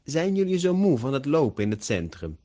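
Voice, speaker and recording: A man voicing an eager, polite young Italian man, speaking slowly and carefully. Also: mid-range voice, very animated, mellow, voice pushed up, close to an everyday voice. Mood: teasing. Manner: slow, carefully pronounced.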